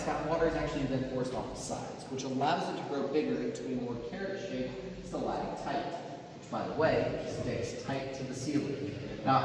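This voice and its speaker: A man working as a cave tour guide, explaining rock formations to a group with playful jokes, his voice carrying a cave echo. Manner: playful, joking, addresses the group. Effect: cave echo, booming reverb of a large cavern. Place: inside a large show cave. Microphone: phone camera held by a visitor, away from the guide. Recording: echoey cavern, voice from far off, background noise.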